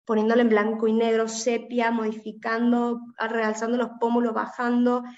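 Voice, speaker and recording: A woman with a Caribbean Spanish accent teaches a Bible study and explains each point patiently. She keeps checking in with her listeners with short "¿no?" and "¿sí?" questions. Her voice sits fairly high, and the recording sounds dull and lo-fi. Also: monotone, moderate pace, a little mellow. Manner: explanatory, asks listeners with frequent "¿no?" and "¿sí?".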